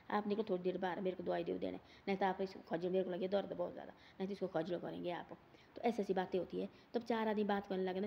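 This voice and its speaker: A woman's voice: medium pitch, vocal fry, lo-fi sound, slight background noise. A woman, telling a moral story in a casual, rambling way and repeating words over and over.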